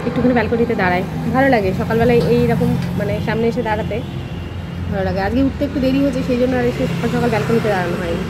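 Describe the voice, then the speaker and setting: A woman in her thirties from India talks quickly to her viewers about her day, her slightly high voice carrying a light rural Jessore-Khulna Bengali lilt and plenty of fillers. A camera set some distance away records her at home and outdoors running errands, amid heavy background noise.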